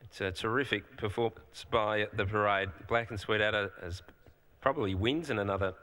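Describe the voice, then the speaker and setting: Bright, crisp Australian race caller man. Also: on the low side. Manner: rapid rhythmic calling of horse names. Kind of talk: harness race commentary.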